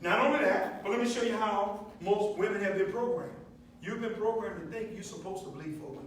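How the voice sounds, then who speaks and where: A high-voiced man presents a product to a live audience in a meeting room, preaching briskly and emphatically with call and response. He's animated and keeps asking the crowd questions, recorded from far off in an echoey, noisy room.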